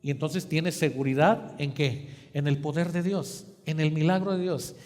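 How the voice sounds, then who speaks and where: A man preaching a sermon, asking the congregation to finish his sentences, moving between quiet and emphatic. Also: fairly high pitch, fairly even intonation, moderate pace. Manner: asks the congregation questions for them to fill in. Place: church hall. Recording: long church hall reverb.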